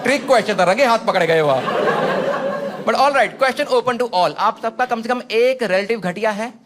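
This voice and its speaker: A man in his thirties performs stand-up on a stage mic, chatty and playful, his voice sitting fairly high. He drops English phrases into his jokes and acts out quoted lines. Loud audience laughter and noise surround him. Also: moderate pace, a loud crowd. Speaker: stand-up comedian. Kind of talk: stand-up comedy set. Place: comedy stage before a live audience.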